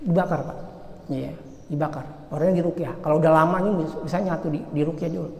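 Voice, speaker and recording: A man gives a casual sermon, addressing the congregation directly and joking with them as he goes. His emphatic points ring out loud, while his asides drop almost to a murmur. The recording is roomy, with a long reverb tail from the hall. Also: a little high, fairly even intonation, fast, gravelly. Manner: chatty, addresses listeners directly and jokes with them; swings between loud emphatic and quiet asides. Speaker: preacher.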